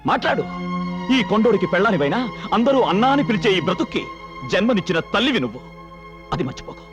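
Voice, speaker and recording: An actor playing a stern, righteous local strongman who lectures forcefully in a film drama. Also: high voice, big pitch swings, quick pace, over loud music. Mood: reproachful. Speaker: local strongman called Anna.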